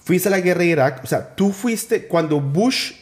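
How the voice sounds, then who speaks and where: A man from Colombia hosting a casual interview, chatty, with quick restarts, who acts out the quotes he tells. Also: high voice, animated. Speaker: podcast host.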